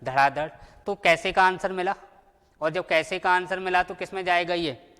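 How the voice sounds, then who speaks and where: A man teaching a grammar lesson, who asks questions and answers them himself and slowly repeats the key words. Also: high-pitched, fairly even intonation, pushed and bright, clean tone, big-room sound.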